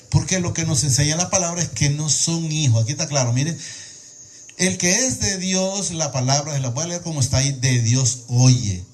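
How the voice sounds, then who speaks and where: A male preacher with a fairly high voice delivers a sermon. He reads scripture aloud and breaks off to explain it, asking his listeners rhetorical questions. His speech is full of repeated words and restarts as he searches for the right phrase. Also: a little mellow.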